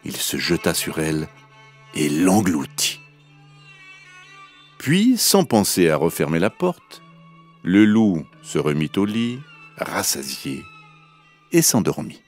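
Slow, lively male storyteller. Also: low voice, soft background music. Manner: gentle, unhurried, expressive telling. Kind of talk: storybook reading for children.

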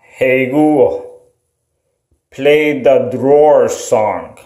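In an echoey small bathroom, a video creator slowly and flatly repeats deliberate voice commands in a medium-pitched voice.

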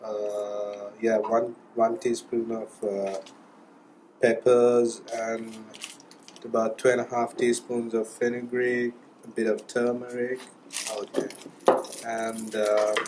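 A young man calmly explaining a recipe, listing ingredients with many ums and uhs. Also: medium pitch, takes it slowly. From Sri Lanka. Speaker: cook showing a recipe. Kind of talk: casual cooking demonstration. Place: small indoor room, student kitchen. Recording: echoey room, mic far off, noisy.

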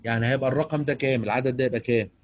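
Speaking rapid-fire in a steady, medium-pitched voice, a man with an Egyptian accent tutors a young pupil in math over video. He patiently prompts her with questions to guide her.

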